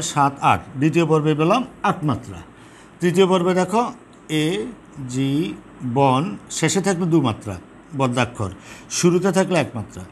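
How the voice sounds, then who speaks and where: A man teaching a lesson on poetic meter, explaining patiently, repeating key terms and counting syllables slowly. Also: fairly high pitch. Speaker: Bengali literature teacher. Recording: faint background noise.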